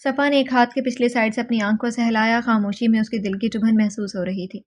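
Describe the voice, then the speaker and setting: A woman narrating an audio novel in an even, descriptive storytelling manner. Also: on the high side.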